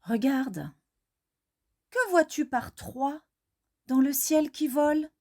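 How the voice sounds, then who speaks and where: Woman storyteller, high voice, lively sing-song, slow, reading to children. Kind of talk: read-aloud storytelling for children.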